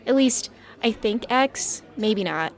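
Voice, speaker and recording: A woman's voice: on the high side, animated, slow pace. A woman playing a gossipy, teasing castmate. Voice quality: teasing, chatty. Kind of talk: audio drama acting.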